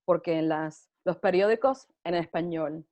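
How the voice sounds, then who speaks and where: A woman's voice: lowish voice, a little slow, a little mellow. Chatty Puerto Rican woman, lo-fi audio. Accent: Puerto Rican Spanish. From Puerto Rico. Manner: chatty, laughs often, restarts words. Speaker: interviewee. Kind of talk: casual personal storytelling. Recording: dull lo-fi audio.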